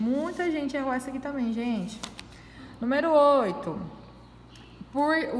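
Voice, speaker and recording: A woman's voice: high-pitched, a little hiss or hum. A woman teacher going over a corrected test, explaining each answer patiently and step by step, checking in with frequent tag questions. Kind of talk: reviewing a test with students. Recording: echoey room with long reverb.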